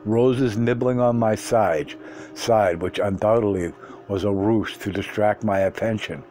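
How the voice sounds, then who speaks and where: A man reading a first-person story aloud, unhurried, sometimes stumbling and restarting words. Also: fairly low pitch, warm tone, soft background music. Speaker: reader.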